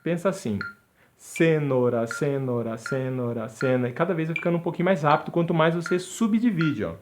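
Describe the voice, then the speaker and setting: A man's voice: a little high, animated, quick pace. A man teaching a music lesson, counting beats aloud and chanting syllables along with a metronome. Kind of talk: instructional video lesson.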